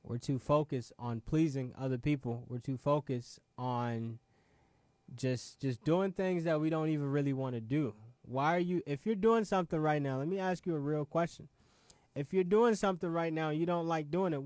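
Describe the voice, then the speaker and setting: Hosting his own show, this Ghanaian-born man in his late twenties speaks with a fairly high pitch and a darkish tone. His motivational talk pushes viewers through rhetorical question after rhetorical question, sprinkled with "right?" The sound is dry.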